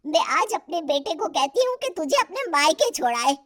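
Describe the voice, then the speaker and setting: Casting: nagging cartoon mother-in-law, very high squeaky voice, swooping delivery. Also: very animated, moderate pace, a bit bright, exaggerated voice. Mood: complaining. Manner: scolding, nagging. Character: sharp-tongued older mother-in-law, easily frightened. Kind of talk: Hindi cartoon story voice acting.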